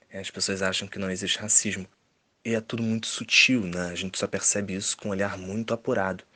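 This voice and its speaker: A man's voice: low voice, bright, forceful tone. A man, a podcast guest, speaking steadily and explaining his personal experiences. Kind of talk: personal testimony in conversation.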